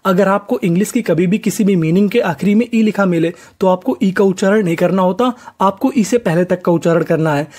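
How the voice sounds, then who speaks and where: Male tutor, young adult, warm and relaxed tone, slow patient drilling of syllables with question-and-answer repetition. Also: high-pitched. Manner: patient, repeats each syllable and asks the class to answer. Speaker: English teacher. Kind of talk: step-by-step spelling lesson.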